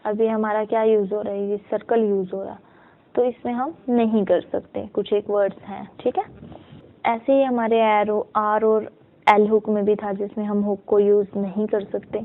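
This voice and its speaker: A woman with a medium-pitched, level voice gives a step-by-step shorthand lesson, sounding out words syllable by syllable. Slow and patient, she mixes Hindi with English terms and often checks in with the class using "ठीक है", all over tinny narrow-band audio.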